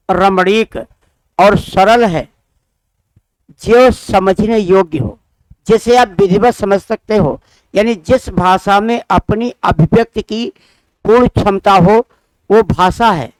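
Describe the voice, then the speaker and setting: Slow, clear-voiced male grammar teacher. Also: high-pitched, dry recording, low-quality recording. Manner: slow, deliberate, repeats examples with marked pauses; quizzes listeners with questions he answers himself. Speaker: exam coaching teacher. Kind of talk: Hindi grammar lesson.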